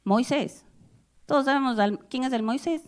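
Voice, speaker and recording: A woman preaching a sermon to a congregation, expressive and personal, asking her listeners questions and dramatizing the scriptures she reads. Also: high-pitched, moderate pace. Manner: expressive, acts out Bible quotes with loud outbursts.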